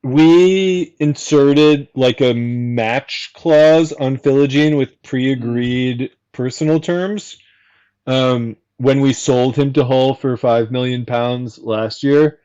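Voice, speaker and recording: A man talks as a guest on a casual football podcast. He lays out his reasoning in long, measured explanations. His mid-range voice sounds a little dull and lo-fi. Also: mid-range voice, mellow, clean tone. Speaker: fan guest.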